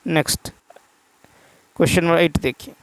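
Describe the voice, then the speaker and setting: An exam prep teacher with a fairly high voice and fairly even intonation goes through a practice test answer by answer, repeating each key term and asking himself the answer. He reads the English questions slowly, word by word. The recording is rough, with no echo.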